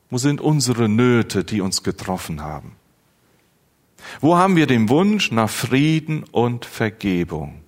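A man preaching a sermon in a slow, earnest, pastoral manner, rising in emphasis at key phrases. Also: mid-range voice. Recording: long church reverb.

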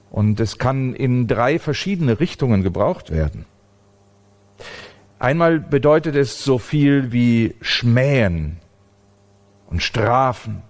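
A man preaching an emphatic sermon at a church service. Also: mid-range voice.

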